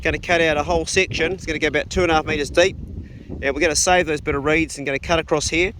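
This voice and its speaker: Outdoors on a farm and a small boat, a vlogger with a broad New Zealand accent chats casually and comments in a laid-back, matey, slangy style. His voice is rather high with fairly even intonation, and he talks fast. Loud wind and boat noise fill the recording.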